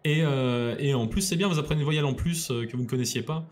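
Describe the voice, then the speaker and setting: A man's voice: mid-range voice, fast. A man co-hosting a casual podcast, presenting a city guide in a hesitant way with many fillers, dropping in dry jokes. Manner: hesitant, lots of fillers and restarts; dry joking asides.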